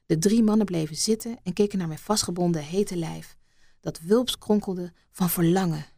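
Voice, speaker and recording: A woman reading an erotic story aloud in a soft, hushed voice that slips into whispers. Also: lowish voice, normal speed, vocal fry, no room sound, clean studio sound. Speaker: narrator.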